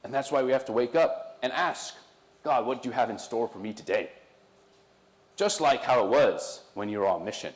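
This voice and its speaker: Guy preaching casual style, jokey with the crowd, middle pitch. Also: animated, normal speed. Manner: conversational, joking with the congregation. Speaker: pastor. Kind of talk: sermon and introductions.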